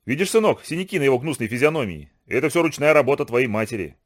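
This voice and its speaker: Joking easygoing dad, read by a man, relaxed and jokey, lively pitch. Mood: jovial. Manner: jovial, unhurried. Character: cheerful easygoing father, joking.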